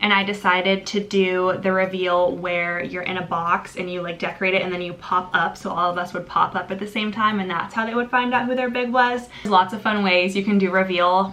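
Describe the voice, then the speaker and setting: Young woman, American accent, bubbly sorority-girl manner, bright forceful voice, gushing casual storytime, clear background music. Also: mid-range voice. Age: young adult. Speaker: vlogger, sorority member.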